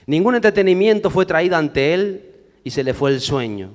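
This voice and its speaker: Emphatic preacher in an echoing hall. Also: male voice, fairly high pitch, animated, normal speed. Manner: emphatic, rhetorical questions to the congregation. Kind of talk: sermon.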